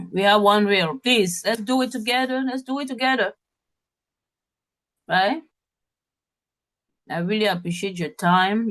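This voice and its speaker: A woman instructor running an interactive workshop, spelling out web addresses and often checking in with her audience. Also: mid-range voice.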